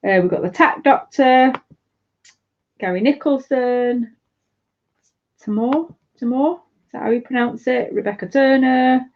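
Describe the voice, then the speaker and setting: A woman's voice: sits high, unhurried, long pauses. English woman cohosting a stream, easygoing, giggly, dull lo-fi sound. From England. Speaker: co-host. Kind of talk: casual live-stream chat.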